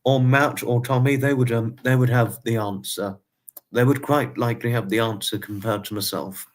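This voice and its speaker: A man in his twenties hosts a livestream, chatting casually at a moderate pace with a medium pitch and fairly even intonation. His talk is repetitive and sprinkled with quaintly formal phrases.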